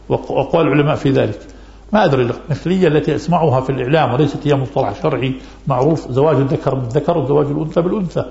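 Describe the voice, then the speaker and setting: Fast, gravelly-voiced sheikh answering questions. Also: male voice, fairly high pitch, a little mellow. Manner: repeats key phrases for emphasis. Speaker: Islamic scholar answering questions. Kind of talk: religious question-and-answer lesson. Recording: echoey, dull lo-fi recording.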